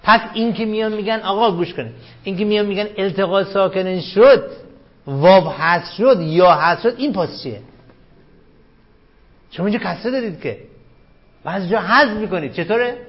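A man's voice: high voice, expressive, long pauses. A man teaching a grammar class, who keeps questioning his students and repeats the rules with emphasis. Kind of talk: classroom lecture on Arabic grammar. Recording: dull lo-fi classroom recording.

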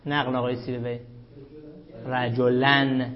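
A man teaching Arabic grammar in a classroom lecture, quizzing his students and chanting Arabic text slowly. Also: mid-range voice, flat delivery, crowd noise. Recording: dull lo-fi classroom recording.

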